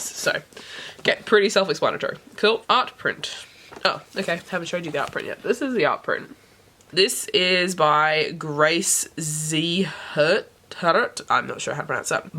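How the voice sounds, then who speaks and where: A woman with a hoarse voice that is giving out from sickness, chatting casually and thinking aloud as she vlogs an unboxing. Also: sits low, bright, forceful tone, slight background noise. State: hoarse, sick-sounding voice that is giving out. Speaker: book vlogger.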